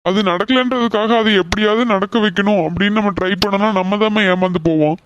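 A woman doing a gentle, patient cartoon son. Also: mid-range voice, brisk, highs cut off, slight background noise, voice pushed down, lightly acted. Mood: gentle reasoning. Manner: soothing, patient, persuasive. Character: calm young man, gentle reasoning son. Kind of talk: cartoon voice acting.

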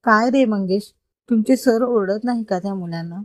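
A woman's voice: medium pitch, moderate pace, no room sound, studio quality, natural voice. A woman voicing a kind, confident grown man who patiently coaxes a boy, in a read-aloud story. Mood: kind, coaxing. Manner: patient, gently persuasive explaining.

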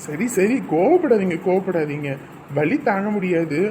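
A man's voice: sits high, expressive, normal speed, a little mellow, a little hiss or hum. A man playing a fussy doctor who soothes an old patient in a comic sketch. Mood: soothing. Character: bumbling village doctor.

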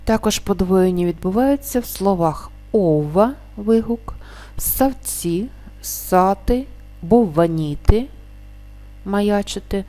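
Mellow-voiced woman teaching spelling rules. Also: medium pitch, animated. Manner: explains rules slowly, stretching example words. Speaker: language teacher. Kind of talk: spelling lesson.

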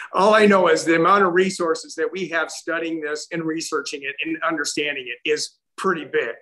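An older man on a video call with a raised, bright, forceful voice. He pushes back emphatically and sounds openly incredulous. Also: fairly high pitch, fairly even intonation, normal speed, poor audio. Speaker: panelist, central banker.

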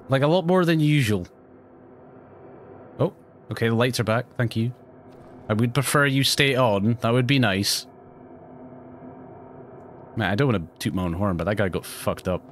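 A man commentates live on a horror game, his pitch leaping all over the place. He talks straight to his viewers, swears freely and startles easily. A faint noise hum sits under his voice. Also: sing-song, moderate pace, long pauses. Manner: jumpy, swears often, chats to viewers. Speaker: let's play streamer.

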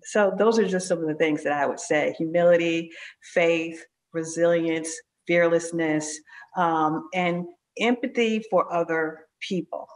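A woman's voice: lowish voice, a little slow. A woman who leads a company, talking earnestly and reflectively as an interview guest, with frequent fillers. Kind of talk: casual interview conversation.

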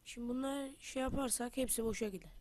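A woman with the flu giving casual gameplay commentary as a channel host. She trash-talks loudly, then drops to quiet muttering to herself. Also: fairly high pitch, fast talker. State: has the flu.

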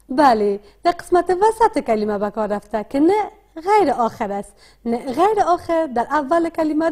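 A woman with a Dari accent teaching a literacy lesson, asking questions and answering them herself in a slow, deliberate way. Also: high voice, dark tone. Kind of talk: classroom lesson.

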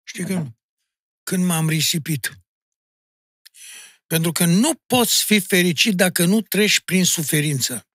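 Animated, husky-voiced Romanian man from Maramureș. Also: sits high, long pauses, no room sound, clean studio sound. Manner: animated storyteller, addressing the host bluntly with "mă" and "domne"; insistent, emphatic. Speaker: guest, folk singer and music teacher. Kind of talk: casual podcast conversation.

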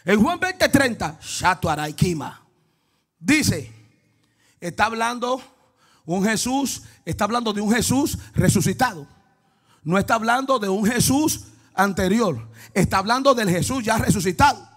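A male pastor preaching a sermon, moving between quiet storytelling and shouted, chanting praise aimed at the congregation. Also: sits high, expressive, a little slow. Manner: calls out to the congregation and cries out "woo".

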